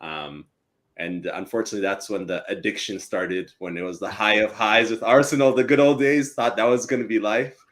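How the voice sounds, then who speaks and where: A man's voice: fairly low pitch, fairly quick. A young man from East Africa, a company co-founder chatting casually as a podcast guest with lots of fillers. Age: young adult. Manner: relaxed, rambling with many fillers.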